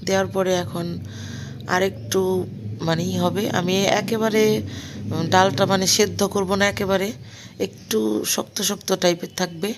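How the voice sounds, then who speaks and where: Hoarse young mother vlogging at home. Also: mid-range voice, steady tone, moderate pace, pauses often, background noise. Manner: chatty, talks while doing housework and cooking. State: hoarse from a cold. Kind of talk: casual vlog narration. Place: home kitchen.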